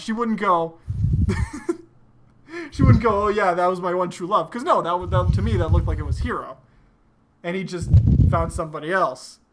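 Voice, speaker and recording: Woman co-host, profane animated ranting, noisy background hiss. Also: lowish voice. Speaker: anime discussion podcast co-host. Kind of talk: casual chat.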